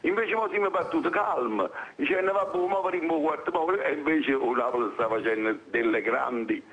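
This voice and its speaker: A man's voice: on the high side, brisk, slight background noise. A man in his seventies with a Neapolitan accent, chatting casually as a caller on a phone-in show. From Bacoli area, Naples, Italy. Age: 70s. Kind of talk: casual chat. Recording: muffled phone line into TV show.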